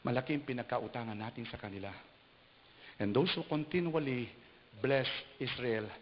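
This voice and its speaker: A man preaching an animated sermon, a bishop who leaps into high mocking voices when he acts out the people he quotes. His voice rings out with a long hall echo, and the recording sounds dull with a faint hiss underneath.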